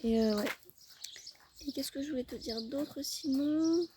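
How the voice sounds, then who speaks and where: A woman's voice: sits high, measured pace, noisy background. A young woman rambling through a casual family vlog, with lots of fillers and self-corrections. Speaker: mother vlogging her family day. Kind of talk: casual chat to the camera.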